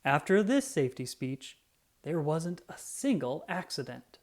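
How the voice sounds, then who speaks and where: An animated read-aloud narrator for a children's picture book. The pitch swings widely and expressively, and key words are stretched out for dramatic emphasis. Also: unhurried.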